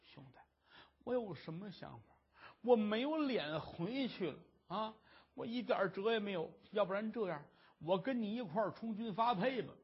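A storyteller voicing a starving, remorseful beggar who is the elder brother, wailing and blaming himself, on a dull lo-fi recording. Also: male voice, high voice, animated, moderate pace, slightly rough, heavily acted. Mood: ashamed. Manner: wailing, self-reproaching.

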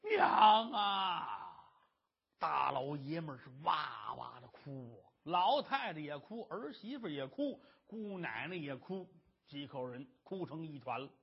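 Animated high-voiced male storyteller. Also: normal speed, creaky, husky. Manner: animated, dramatic narration. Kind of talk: traditional storytelling performance. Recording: dull lo-fi recording.

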